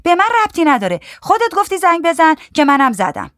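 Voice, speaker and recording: Male narrator putting on a shrill pushy older woman, storybook, bickering high voice. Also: lively intonation, bright, forceful tone, no echo, clean studio sound. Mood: shrill, quarrelsome. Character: fussy shrill older woman, Goli joon.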